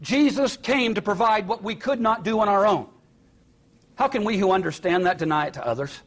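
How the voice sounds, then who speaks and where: A man preaching a sermon, retelling a story with sudden rises in pitch and drops to a near hush. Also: lively intonation, fairly quick. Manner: dramatic retelling with acted quotes, rising and dropping to a hush.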